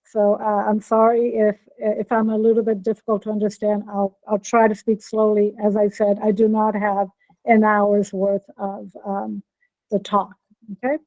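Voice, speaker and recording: Her voice is mid-range, monotone and warm, moving at a moderate pace, in a rough recording with no room sound made on a computer mic during a video call. She is a chatty, friendly American professor giving an academic keynote and checking on listeners, born in Norway and raised in Brazil.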